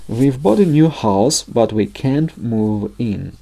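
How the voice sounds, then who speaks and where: Male language teacher, gravelly and mellow, reads examples and translates. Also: medium pitch, lively intonation, takes it slowly. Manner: reads English examples then translates them into Russian. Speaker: English teacher. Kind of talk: language lesson narration.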